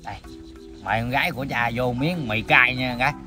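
A man's voice: mid-range voice, fast talker. Southern Vietnamese man, mouth burning from spicy food. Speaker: mukbang host. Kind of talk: casual chat to viewers while eating. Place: outdoors in greenery, sitting on the ground. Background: music.

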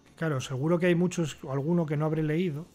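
A man's voice: fairly high pitch, fairly even intonation, fast, darkish tone. A man with a Castilian Spanish accent reading game text aloud and commenting casually, with wry asides. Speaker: gamer playing and commenting.

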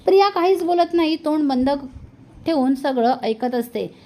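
A woman's voice: sits high, animated, moderate pace, mellow. A woman narrating a recap of a TV serial, acting out each character's lines herself. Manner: dramatic, reads every character's lines herself. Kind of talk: storytelling recap with acted quotes.

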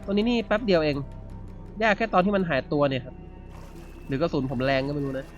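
A man giving excitable play-by-play commentary while playing a video game, with game music behind. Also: fairly high pitch, fast, dull audio. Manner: excitable, exclaims and narrates gameplay. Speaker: gaming YouTuber.

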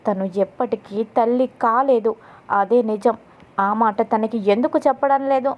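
A woman's voice: a little high, moderate pace, a little mellow, natural voice. A woman narrator voicing a harsh, scheming middle-aged mother-in-law who speaks bluntly and scolds.

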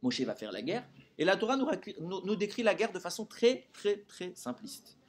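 Male Torah teacher addressing a live group, somewhat high-pitched, very expressive delivery, constantly quizzing his listeners. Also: moderate pace. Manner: animated, quizzes listeners with rhetorical questions.

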